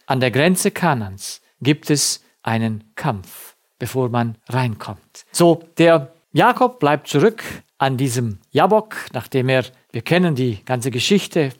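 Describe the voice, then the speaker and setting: A man preaching a sermon, slow and emphatic, swinging between loud, stressed passages and hushed ones. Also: mid-range voice.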